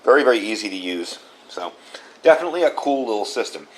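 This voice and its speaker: On a rough recording, a man with a fairly low pitch speaks animatedly and quickly. He hosts his channel's relaxed hands-on product review, using folksy, plain language and repeating himself to make his points stick.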